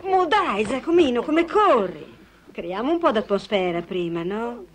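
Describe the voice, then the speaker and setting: A woman's voice: on the high side, big pitch swings, a little slow, a crowd in the background. An actress playing a sly, coaxing woman who asks a man about his art collection in a comedy film. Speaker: film character. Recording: film soundtrack with music.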